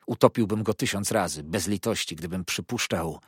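Here is a man reading as a grief-stricken old fisherman whose voice is hollow and dull with shock before it hardens into fierce resolve. The voice sits very low with a husky grain. The recording is close and dry. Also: unhurried, fairly bright tone, dry recording, exaggerated voice. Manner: hollow, dull delivery turning vehement. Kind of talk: audiobook character reading.

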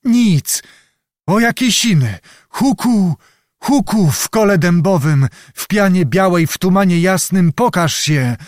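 A man's voice: sits high, lively intonation, takes it slowly, dry recording, clean studio sound, pitched above the performer's own voice. A man voicing a fierce young Cossack witch, wild and coarse, in a raised chanting voice for an audiobook. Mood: chanting, ecstatic. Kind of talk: audiobook reading.

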